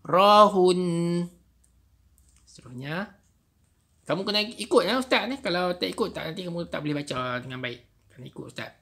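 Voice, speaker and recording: A man with a Malaysian accent teaching young children Quran reading, drawing out each phrase slowly so they can repeat after him. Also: on the high side, expressive, gravelly, fairly bright tone, slightly rough. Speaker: Islamic studies teacher.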